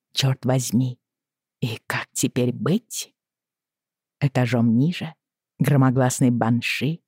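A woman narrating a novel aloud in an expressive, dramatic reading. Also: rumbling low, slightly rough, dry recording, studio quality. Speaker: audiobook narrator. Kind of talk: scripted narration.

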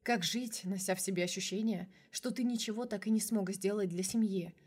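A woman with a mid-range voice reads a first-person novel aloud as an audiobook. Her delivery is expressive and emotional, pulling the listener into the narrator's inner life. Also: medium pitch, brisk, breathy edge.

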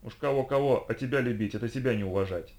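A man voicing a cold, sharp young woman who interrogates a captive with icy, commanding reasoning. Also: mid-range voice, quick pace, close to an everyday voice. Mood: weary contempt.

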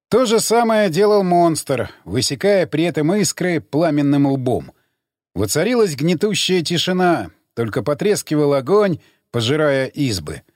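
Expressive male audiobook narrator. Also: fairly high pitch, no echo, studio quality.

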